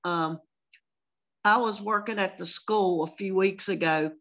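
A woman's voice: medium pitch, measured pace, fairly bright tone. Chatty older Southern woman, lo-fi. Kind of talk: casual group video call.

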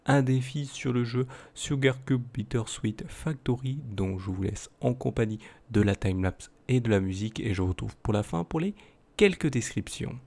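A man's voice: mid-range voice, expressive, normal speed, gravelly, darkish tone. A man with a French accent hosting his small channel, talking casually with many fillers and restarts. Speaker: youtube channel host. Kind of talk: casual video outro commentary.

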